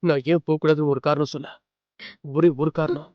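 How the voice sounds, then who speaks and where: A man's voice: a little high, flat delivery, brisk, dry recording, muffled recording, lightly acted. An actor playing a heartbroken young man who bitterly accuses his lover of treating love as a game, in a TV drama. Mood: bitter, accusing. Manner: pleading then bitterly accusing, emphatic. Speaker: actor in a TV serial. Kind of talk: dubbed TV drama dialogue.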